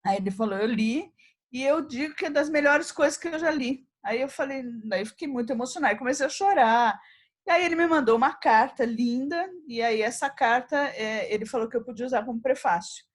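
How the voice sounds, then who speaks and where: A woman's voice: sits high, a little fast. A woman from Brazil, a poet being interviewed, telling an anecdote and acting out the dialogue as she goes. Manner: animated storyteller, acts out dialogue and laughs often.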